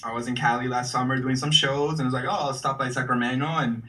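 A man's voice: medium pitch, fairly even intonation, fast talker, sharp tone, distant mic, low-quality recording. A man who grew up in Peru, chatting loosely as a guest artist over a video call, swearing freely and laughing as he talks. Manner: loose, profane, laughing storyteller. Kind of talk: casual chat.

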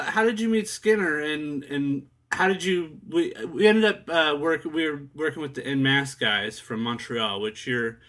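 A man hosts an interview over a video call, circling through false starts before he lands each question. His voice is bright, with a sharp edge to it. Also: mid-range voice. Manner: rambling, restarting his questions. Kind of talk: casual interview.

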